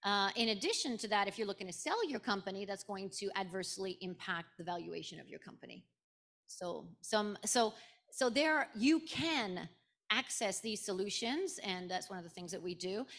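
A woman's voice: medium pitch, expressive, moderate pace, a bit bright. A middle-aged woman from Canada, a guest speaker at a conference panel, who lays out her points one by one and keeps checking in with "right?". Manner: explains in numbered points, often adds "right?". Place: large conference room with an audience.

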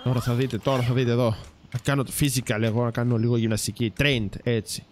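A man's voice: medium pitch, level tone, darkish tone, slight background noise. A man giving casual let's-play commentary, chatting to viewers and teasing the game's characters. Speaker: gaming YouTuber.

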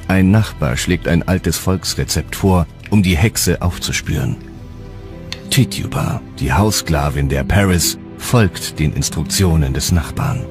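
Music plays clearly under the scripted, dramatic narration of this historical documentary. The narrator is a man whose voice is deep and low, and he keeps a measured pace.

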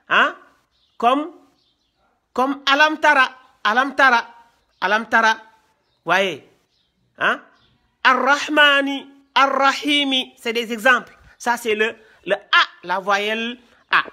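A man from Senegal, teaching a classroom lesson, talking slowly and repeating himself, often checking with "hein?". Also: very high-pitched, sharp tone. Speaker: Quran teacher.

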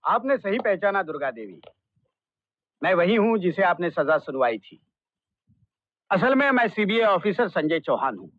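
An actor playing a firm, commanding investigating officer in an old Hindi film. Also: male voice, high-pitched, very animated, moderate pace, long pauses, dry recording. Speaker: CBI officer. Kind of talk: 1990s Hindi film acting. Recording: dull old film soundtrack.

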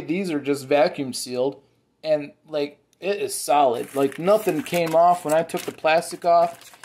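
Easygoing man hosting a home pizza review. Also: a little high. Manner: easygoing, talks to his son, many ums and likes. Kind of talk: casual food review chat. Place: home dining table, indoors. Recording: roomy home echo.

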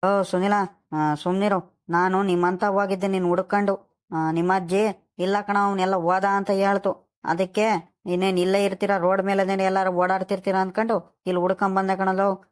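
A woman's voice: mid-range voice, level tone, normal speed, lightly acted. A woman voicing an easygoing village boy, talking his friends into a game. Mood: coaxing. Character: easygoing village boy who suggests games. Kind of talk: cartoon voice acting.

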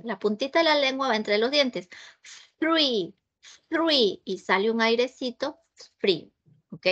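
A woman English teacher with a Peruvian Spanish accent leads an online class over a video call. Her voice sits a little high, and she talks patiently, repeating points and pausing often to ask if everyone follows. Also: a bit bright, muffled recording. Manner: patient, repeats and checks understanding with frequent "ok?".

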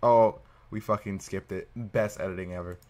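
A man's voice: low-pitched, steady tone, normal speed, a little mellow. A man hosting a reaction video, casually commenting with swearing, laughter and disbelief.

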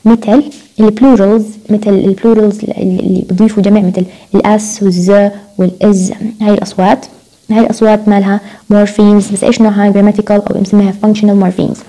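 Mellow-voiced woman lecturing. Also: mid-range voice, little pitch movement, fast talker, rough recording. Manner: mixes Arabic and English, repeats key words. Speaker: university lecturer. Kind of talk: recorded lecture explaining phonetics.

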